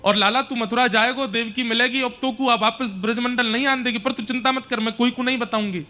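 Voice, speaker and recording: Devotional storytelling: a tearful, tender mother, sharp and lifted, voiced by a man. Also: very high voice, fairly even intonation, a little fast, soft background music, voice pushed up. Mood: tender grief. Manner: pleading, tearful. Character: grieving old mother, tender and pleading.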